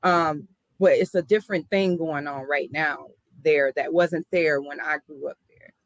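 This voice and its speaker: A woman's voice: low-pitched, steady tone, a little slow, no room sound, poor audio. A woman from the South Side of Chicago, a hip hop artist telling her story in an earnest, reflective interview.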